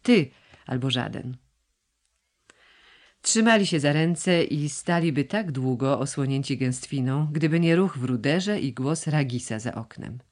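A man narrating a classic novel in a calm, measured way. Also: on the high side. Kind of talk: audiobook narration.

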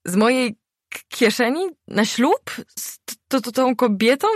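A woman's voice: low-pitched, very animated, slow, no room sound, studio quality, full character voice. A woman voicing a confused, timid young man who speaks in a thin voice and stammers. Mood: stammering.

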